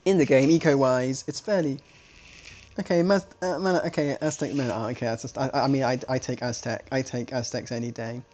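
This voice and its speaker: Male game caster, chatty, rambling, restarts his sentences a lot, mid-pitched voice. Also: steady tone, a little fast, a little mellow. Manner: rambling, self-correcting, chatty. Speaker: esports caster. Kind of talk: live game commentary.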